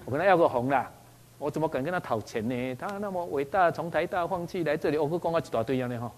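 A man with a Taiwanese Mandarin accent, a doctor telling a personal story in an animated way, often repeating words as he goes and slipping into Taiwanese phrases. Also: fairly high pitch, fast, a little hiss or hum. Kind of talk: spoken personal anecdote.

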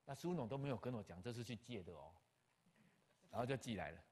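An older man, a pastor, telling a personal story in an animated way, acting out conversations and dropping in English terms. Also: mid-range voice, quick pace, husky. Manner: animated, acts out dialogue, scattered English terms. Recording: long hall reverb.

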